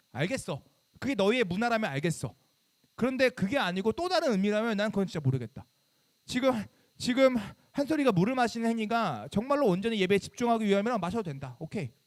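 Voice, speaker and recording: A man in his thirties, a youth pastor giving a sermon to middle schoolers, talking conversationally and quizzing them with questions. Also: extremely high pitch. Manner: bursts into loud scolding when acting out his younger self.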